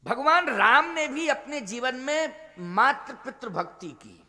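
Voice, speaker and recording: A man giving a devotional sermon, declaiming forcefully and then dropping to low asides, now and then chanting a scripture verse slowly. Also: sing-song, big-room sound. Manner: emphatic, swings from loud declaiming to low asides. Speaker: preacher of a Ram Katha discourse.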